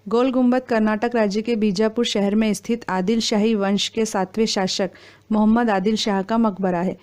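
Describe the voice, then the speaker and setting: A woman reading exam quiz questions and their answers in a steady, formal recitation. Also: mid-range voice, moderate pace.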